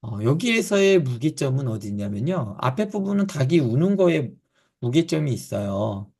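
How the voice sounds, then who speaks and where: Korean church guy teaching the bible, gravelly fry in his voice, asks stuff then answers it, lots of uh's. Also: mid-range voice, normal speed. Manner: lively, asks questions and answers them, frequent "uh" fillers. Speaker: pastor teaching district leaders.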